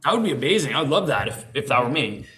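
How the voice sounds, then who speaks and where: A man's voice: medium pitch, sing-song, fast, sharp tone. A man co-hosting a casual business podcast, talking in an upbeat, enthusiastic way. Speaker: podcast co-host.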